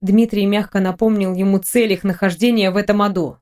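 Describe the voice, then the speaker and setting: A woman narrating an audiobook in an even, measured way. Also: medium pitch. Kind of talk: scripted narration.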